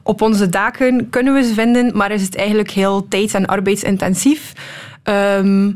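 Female, twenties, Flemish accent. Researcher guesting on an interview, explains informally and pauses to find words. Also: mid-range voice, little pitch movement, a little mellow. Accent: Flemish Belgian.

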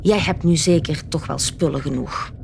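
A woman voicing a tiny, brave little girl crab in a storybook, crying out warnings in a high voice. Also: moderate pace, vocal fry, darkish tone, a little hiss or hum. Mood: stern. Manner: urgent, cries out warnings.

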